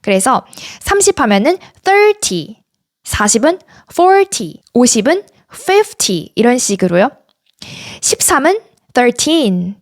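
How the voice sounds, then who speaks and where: A woman teaching English number pronunciation, stretching out each model word slowly between explanations. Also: on the high side, no room sound, clean studio sound. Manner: slow, drawn-out model words between explanations. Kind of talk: pronunciation lesson.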